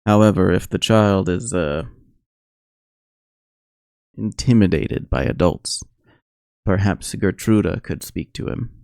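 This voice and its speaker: A man voicing a composed male adventurer in a tabletop game, formal and measured. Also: low voice, gravelly, a little mellow, dry recording, clean studio sound, full character voice.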